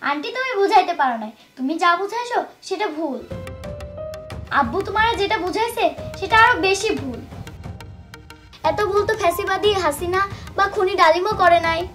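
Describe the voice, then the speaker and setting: A precocious niece lecturing her aunt; very high, quick voice. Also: animated, fairly bright tone, soft background music. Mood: cheeky. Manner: cheeky, lecturing. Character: outspoken, precocious young niece.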